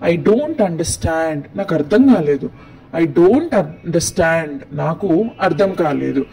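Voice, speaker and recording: A man with a Telugu accent teaching spoken English, saying each phrase slowly and clearly, then explaining quickly in Telugu. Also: on the high side, lively intonation, a little mellow, rough recording. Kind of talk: language lesson, slow model phrases with translations.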